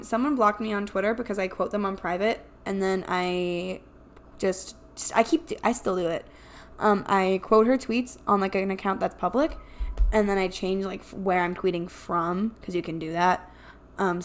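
A young woman chatting on a home podcast at the kitchen table, with a snarky, foul-mouthed, deadpan delivery. Her voice sits at a middle pitch for a woman. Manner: snarky, profane, deadpan mock-cruel. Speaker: podcast co-host. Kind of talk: casual chat.

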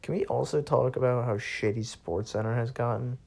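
A man's voice: mid-range voice, normal speed, vocal fry, a little mellow. A young man hosting a solo podcast, ranting casually and sarcastically with lots of swearing. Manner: profane, bored and sarcastic, laughs often.

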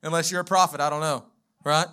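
A man's voice: on the high side, steady tone, fast talker, sharp tone, smooth. A man preaching a sermon as pastor, building with emphatic repeated lines and calling on the congregation to respond.

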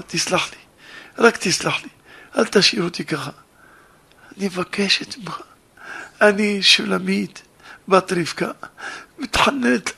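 A man's voice: vocal fry, sharp tone, slightly rough, exaggerated voice. A man voicing a remorseful young woman who pleads tearfully with her dead father. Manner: tearful pleading, voice rising high.

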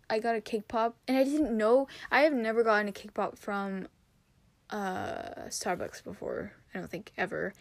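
A teenage girl hosts a casual podcast on her own, rambling with plenty of fillers and giggles. Her voice is on the high side, a little raspy and tired, and the recording is dry.

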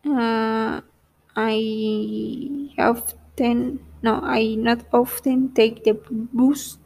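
Slow, halting young woman. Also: a little high, little pitch movement, creaky, a little mellow. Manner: slow, halting, trying out German and English words aloud. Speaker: vlogger. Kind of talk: casual self-talk while studying languages.

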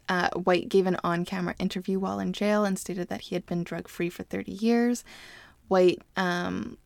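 A woman's voice: fairly low pitch, gravelly, no echo. A woman co-hosting a true-crime podcast, telling the story in a chatty, filler-heavy way with frequent laughter. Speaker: podcast co-host. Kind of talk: casual true-crime chat.

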